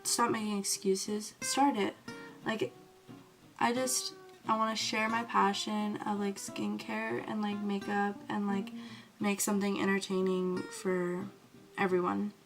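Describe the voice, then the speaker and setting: A woman vlogging casually about skincare, gushing and excitable, with "like" in almost every phrase. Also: medium pitch, unhurried, soft background music. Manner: gushing, excitable, fills talk with "like". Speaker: beauty vlogger. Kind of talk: casual storytelling to camera.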